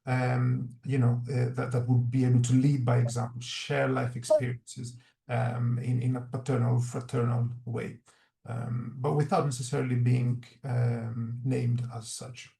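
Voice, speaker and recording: Halting, reflective man with a gravelly voice. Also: medium pitch, monotone, dark tone, echoey room. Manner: earnest, reflective, many restarts. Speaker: researcher presenting findings. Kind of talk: webinar presentation.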